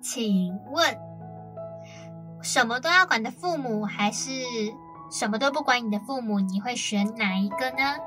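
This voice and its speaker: Young woman, radio co-host, high-ish voice, chatty storyteller, clear music bed behind. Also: lively intonation, unhurried. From Taiwan. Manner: chatty storytelling, many fillers. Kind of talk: casual radio chat.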